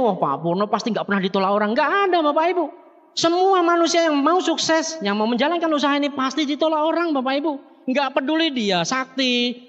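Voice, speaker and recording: A high-voiced man speaks quickly and energetically to a crowd in a big echoing hall, addressing his listeners again and again and mixing jokes into his stories. The sound is a dull, lo-fi tape recording with a long reverb tail from the room. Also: fairly bright tone. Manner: addresses the audience constantly, jokes and tells stories. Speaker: motivational speaker at a business seminar. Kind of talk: energetic seminar speech.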